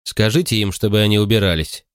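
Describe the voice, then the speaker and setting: A man's voice: lowish voice, steady tone, quick pace, clean tone, no room sound, clean studio sound, natural voice. A man voicing a cold, haughty man who speaks with clipped disdain in an audiobook reading.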